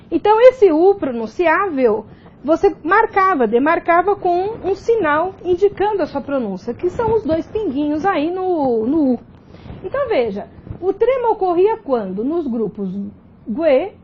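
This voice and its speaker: A woman's voice: high voice, muffled recording, slight background noise. A Brazilian woman teacher giving a recorded grammar video lesson, explaining step by step and often checking in with tag questions. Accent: Brazilian Portuguese.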